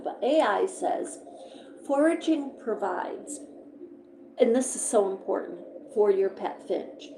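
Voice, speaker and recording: A woman's voice: medium pitch, roomy sound, background noise. A woman live-streaming about her pet finches, chatting casually and rambling as she reads notes aloud and comments on them. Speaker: pet bird vlogger. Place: indoor room beside a birdcage.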